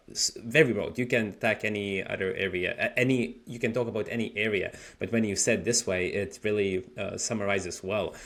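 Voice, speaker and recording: A man hosting a podcast, asking his guest questions in a hesitant way with frequent "uh" fillers. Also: on the low side. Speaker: podcast host. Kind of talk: interviewing a guest.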